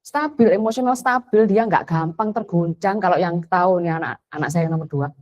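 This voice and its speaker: Brisk, fairly low-pitched and a bit mellow, a woman chats through a parenting talk in her role as a parenting educator. She switches into English phrases now and then and acts out quotes.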